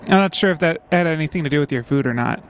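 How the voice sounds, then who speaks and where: A man's voice: a little high, very fast, a little hiss or hum. A man making a prank phone call, speaking in a hesitant, stammering, rambling way. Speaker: prank caller.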